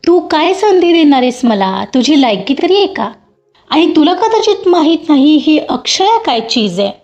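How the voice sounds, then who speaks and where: A woman's voice: high-pitched, slow, darkish tone. A woman voicing a proud young woman who scolds sharply, in a storybook reading. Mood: angry. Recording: dull lo-fi with faint music.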